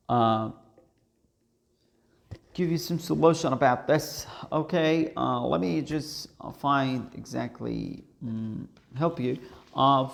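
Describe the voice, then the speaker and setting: Man, Persian native speaker, English teacher, online lesson, halting delivery with fillers, gravelly, unhurried. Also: medium pitch, darkish tone. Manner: slow, halting, many fillers.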